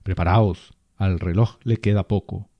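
A man's voice: low-pitched, steady tone, a little slow, no room sound, highs cut off. A man voicing a vengeful collective spirit of drowned souls inside a small boy. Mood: menacing. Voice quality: thick, guttural voice. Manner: menacing, taunting.

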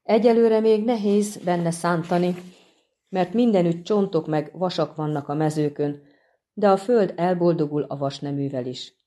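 A woman voicing a chatty, grateful middle-aged peasant man in an audiobook, talking in a folksy, animated way. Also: lowish voice, close to an everyday voice. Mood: earnest. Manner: folksy, animated, respectful to his master. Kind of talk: audiobook reading.

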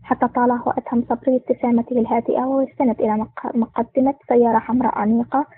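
A woman narrating an audiobook in steady storytelling style. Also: a little high, very fast, slight background noise. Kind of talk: scripted narration. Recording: tinny phone-like dry recording.

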